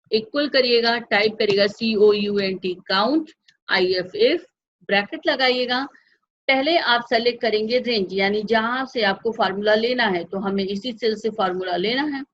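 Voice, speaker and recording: In this step-by-step software lesson, a woman instructs a computer class, working patiently through every step and checking the students are following. She speaks at normal speed in a slightly bright voice on the high side, over dull-sounding audio.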